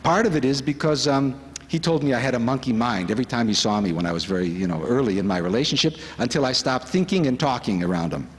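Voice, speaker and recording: A man's voice: medium pitch, quick pace. A man giving an earnest, reflective devotional talk at a spiritual retreat, telling stories to the audience. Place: conference hall. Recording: long hall reverb.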